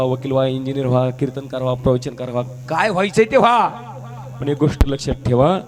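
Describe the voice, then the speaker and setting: A man's voice: mid-range voice, a little mellow. A male folk devotional performer delivering a sermon-style talk, exhorting the audience with rhetorical questions and repeated appeals.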